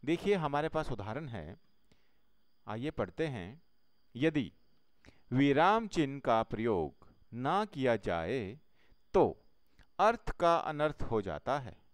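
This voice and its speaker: Slow, expressive man teaching a lesson. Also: mid-range voice, no echo. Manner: slow, explaining step by step with pauses. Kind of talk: Hindi grammar lesson.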